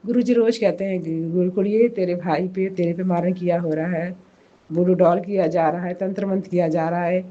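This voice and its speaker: A hoarse woman giving an emotional personal testimony, speaking slowly and softly in a pleading way. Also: lowish voice, fairly even intonation, highs cut off. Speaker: devotee sharing a testimony.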